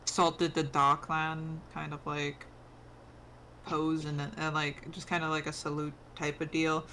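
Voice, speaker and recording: A woman's voice: low voice, flat delivery, unhurried, bright, forceful tone, slight background noise. A woman acting as game master, casually narrating a tabletop game.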